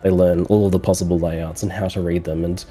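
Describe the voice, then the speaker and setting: A man with a scratchy voice from a cold, commentating an esports race in a measured, analytical way with some fillers. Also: low voice, little pitch movement, warm tone, slightly rough.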